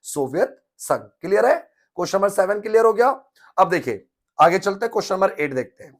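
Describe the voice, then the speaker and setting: A man teaching an exam revision lesson, quizzing and repeating answers in a lively manner. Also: sits high, fast.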